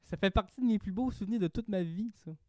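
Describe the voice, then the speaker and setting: A young man with a Québécois French accent, chatting on a podcast in an animated way and swearing casually. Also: high-pitched, fast, no room sound, clean studio sound. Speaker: podcast host.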